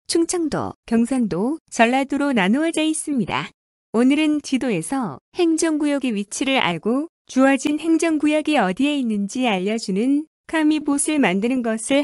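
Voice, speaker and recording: A woman teacher giving a clear, scripted coding lesson narration. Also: high-pitched, dry recording, studio quality. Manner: clear, even, instructive.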